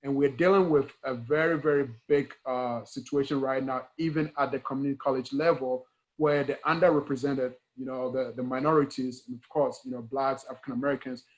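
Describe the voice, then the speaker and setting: A man from Ghana, a guest speaker and engineering educator, talks earnestly in a conversational interview, speaking with a Ghanaian accent. He is emphatic, repeating key words and posing rhetorical questions. His mid-range voice is steady in tone and a little fast, on a rough recording.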